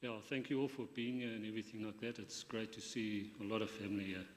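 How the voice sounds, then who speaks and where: Older man from Zambia, halting memorial speaker, low voice, hall echo. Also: steady tone, slight background noise. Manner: halting, many fillers like "yeah" and "um". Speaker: brother giving memorial tribute. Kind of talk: memorial speech. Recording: long reverb of a hall.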